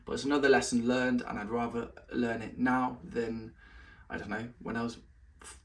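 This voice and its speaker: Man, middle pitch, casual solo update vlog, chatty, slightly out of breath. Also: little pitch movement, normal speed, fairly bright tone. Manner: chatty, talks to his cat in a high sing-song voice between points. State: a little out of breath. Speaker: vlogger giving weekly update.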